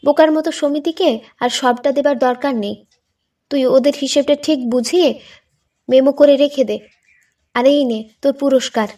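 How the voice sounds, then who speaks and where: A woman voicing a lively, bossy young woman who teases and pushes others along, in a spoken storybook reading. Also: high voice, far from the mic, close to an everyday voice. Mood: eager, teasing. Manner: eager, teasing, quick to push.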